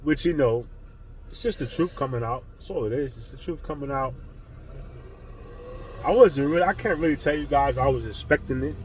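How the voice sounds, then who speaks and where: A man's voice: medium pitch, moderate pace, pauses often, slight background noise, low-quality recording. A man vlogging a blunt, profane spiritual monologue with heavy emphasis.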